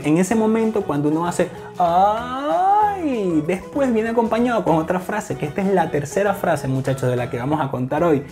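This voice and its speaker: A man's voice: fairly high pitch, dark tone. A man from Venezuela with a Venezuelan accent, casually explaining slang to the camera in a playful way and acting out examples. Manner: playful, acts out examples in put-on voices, laughs often.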